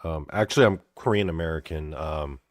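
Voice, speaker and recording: Low-voiced halting comedy show host. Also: male voice, no echo, clean studio sound. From Canada. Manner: halting, awkward, heavy on fillers.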